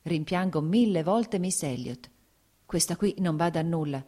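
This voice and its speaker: A woman voicing an exasperated aristocratic mother, reading her lines a little higher and more agitated than the narration. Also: normal speed, warm tone, natural voice. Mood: worried confiding.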